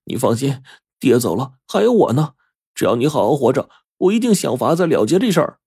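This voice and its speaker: A man's voice: mid-range voice, sing-song, fairly quick, dark tone, slightly rough, no echo, studio quality, voice pushed up, full character voice. A man voicing a clever, resolute young scholar son who talks earnestly and persuasively. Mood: reassuring.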